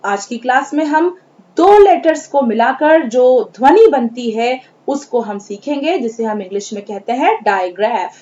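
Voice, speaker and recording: A woman teacher giving a phonics lesson to school students, talking slowly and clearly and repeating each word as she models its sound. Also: high-pitched, lively intonation, mellow. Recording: dull lo-fi recording.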